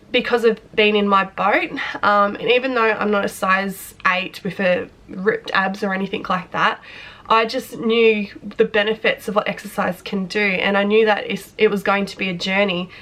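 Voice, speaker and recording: Young woman with flu-hoarse voice, bright tone, candid and rambling; personal vlog. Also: medium pitch, fairly even intonation, moderate pace. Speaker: vlogger and personal trainer. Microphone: front camera close up.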